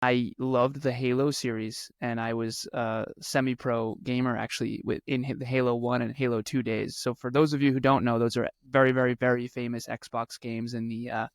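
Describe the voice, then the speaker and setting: A thirty-something man speaks earnestly as an interview guest, stacking repeated words for emphasis. His voice sits in an ordinary middle pitch and is recorded dry and close. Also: level tone, normal speed, few pauses, no room sound. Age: 30s. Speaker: podcast guest, speaker and coach. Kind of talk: conversational interview storytelling.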